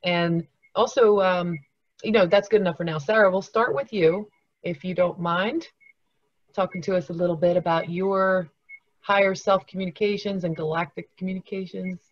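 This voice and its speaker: A woman's voice: lowish voice, steady tone, moderate pace, no echo, dull audio. A woman hosting a group video call, upbeat and thankful toward guests. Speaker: host. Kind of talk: casual group chat hosting.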